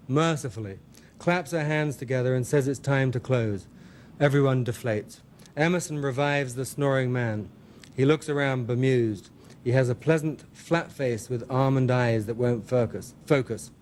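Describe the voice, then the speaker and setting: A man narrating his own memoir aloud. His delivery is dry and wry, a touch high in pitch, and faint background noise sits behind him. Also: a little mellow. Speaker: author reading his memoir.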